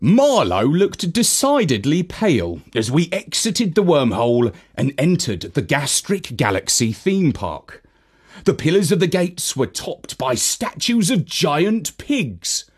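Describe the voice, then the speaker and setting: A man narrating a children's story in a playful, expressive way. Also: a little high, takes it slowly, slightly rough. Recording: narration over music.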